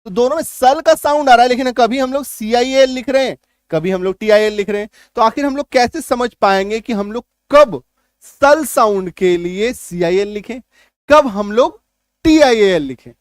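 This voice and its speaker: A male teacher giving an online spelling lesson, who explains slowly, spells words out letter by letter and keeps checking in with his listeners. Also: sits high, clean tone, no room sound, clean studio sound. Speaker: English teacher.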